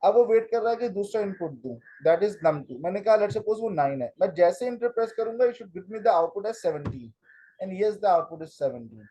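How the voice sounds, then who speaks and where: Man, computer teacher, lecture style, high pitch, dark warm tone. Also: expressive, measured pace, slightly rough, poor audio. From Pakistan. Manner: explains step by step, mixing in English phrases. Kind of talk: classroom lecture with live coding.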